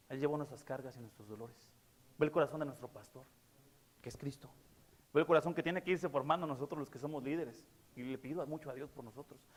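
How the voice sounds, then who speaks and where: High-voiced pastor in echoing church. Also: male voice. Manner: earnest, repeats key words, many fillers. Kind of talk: sermon.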